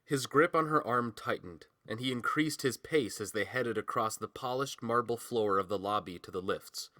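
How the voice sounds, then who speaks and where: A man narrating a romance audiobook in a measured, expressive way, close to the mic. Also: mid-range voice, no echo.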